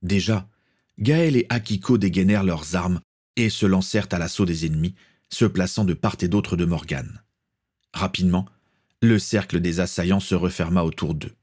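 A man narrates a storybook in a very low, husky voice. His reading is steady and dramatic, carrying the action along. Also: moderate pace.

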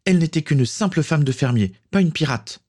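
A defiant young man, indignant and stubborn, voiced by a male narrator, pitched clearly above the reader's own voice. The tone stays slightly husky, always protesting. Storybook reading. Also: lively intonation, a little fast, a little mellow.

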